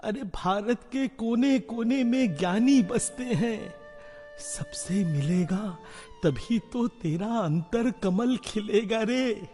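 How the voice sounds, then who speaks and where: Gentle old guru, put on by a man, fatherly, slow, soft-spoken, high voice. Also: faint music behind. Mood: tender. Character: aging male guru, gentle and loving, blessing his disciple.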